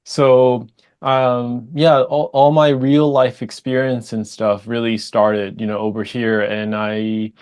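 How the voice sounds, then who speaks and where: A man's voice: mid-range voice, little pitch movement, takes it slowly, darkish tone, smooth. A man born in Japan and raised partly in the United States, chatting as an interview guest in a loose, rambling way with many restarts. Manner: rambling, many restarts and fillers, laughs easily. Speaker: guest musician. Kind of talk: casual interview answers.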